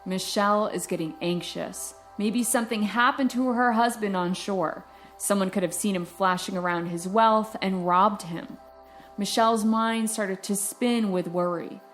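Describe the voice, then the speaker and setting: A woman's voice: medium pitch, fairly even intonation, measured pace, fairly bright tone, faint music behind. Wry woman podcast host. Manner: playful, sarcastic asides. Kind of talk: wry true-crime review narration.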